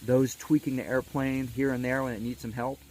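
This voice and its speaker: A man's voice: mid-range voice, flat delivery, fairly quick, a little mellow, low-quality recording. A man speaks as a motivational coach giving a pep talk, emphatic and folksy, repeating key words for stress. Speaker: motivational coach host of a daily video series. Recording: background noise and ambience.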